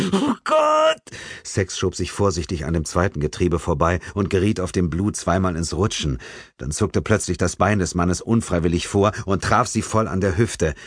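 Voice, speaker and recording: Guy reading a thriller audiobook, really low voice, dry close sound. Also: no room sound. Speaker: audiobook narrator. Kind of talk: scripted narration.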